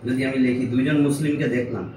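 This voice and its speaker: A man's voice: medium pitch, fairly even intonation, fast, darkish tone. A man teaching grammar to a small class, explaining step by step and checking that his students follow. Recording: echoey room, mic at a distance, faint noise.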